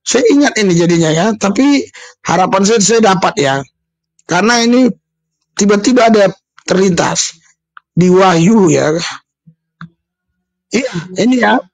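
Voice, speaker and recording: A middle-aged man, a pastor, talking in an animated, informal preaching style to his listeners. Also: high-pitched, measured pace, pauses often, no room sound, low-quality recording. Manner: animated, addresses listeners as brothers.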